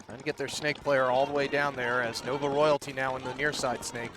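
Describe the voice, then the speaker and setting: A man giving brisk play-by-play commentary at an outdoor paintball event, with easy laughs between calls. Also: medium pitch, little pitch movement. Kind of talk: live sports commentary. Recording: outdoor mic with loud ambient noise.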